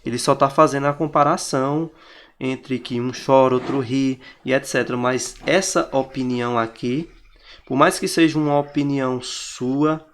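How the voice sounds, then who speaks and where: A man's voice: mid-range voice, steady tone, moderate pace, a bit bright. A man teaching in Portuguese with a Brazilian accent, walking students through exam answers and often pointing things out to the class.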